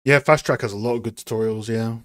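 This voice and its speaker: Man, live-stream host, casual chat, rambling, self-deprecating, lots of fillers, mid pitch. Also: fast talker, clear, resonant tone. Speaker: streamer and game art host.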